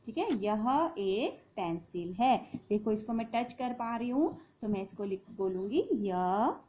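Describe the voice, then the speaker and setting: A woman's voice: medium pitch, lively intonation, unhurried, highs cut off. A woman teacher giving a patient lesson to young children, spelling words out sound by sound.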